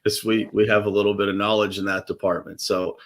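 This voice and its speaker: A man's voice: lowish voice, flat delivery, fairly quick, vocal fry. A man hosting a casual interview, easygoing and full of filler words. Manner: easygoing, lots of "uh" fillers and restarts. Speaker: show host.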